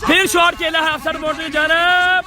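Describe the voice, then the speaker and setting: A man giving excitable live cricket commentary, repeating phrases, stretching out calls and dropping in English phrases. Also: very high-pitched, unhurried. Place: outdoors at a cricket ground. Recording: outdoor crowd and traffic noise.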